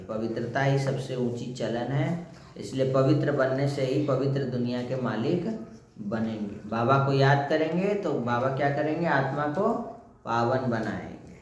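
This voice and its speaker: A man explaining a daily spiritual lesson as a teacher, asking questions and answering them himself. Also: mid-range voice. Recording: very echoey room, faint noise.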